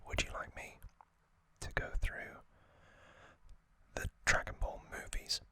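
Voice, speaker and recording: In a breathy, unvoiced whisper, a man narrates trivia for his ASMR series, using deliberate short phrases and pauses. His tone is sharp, and there is no room sound.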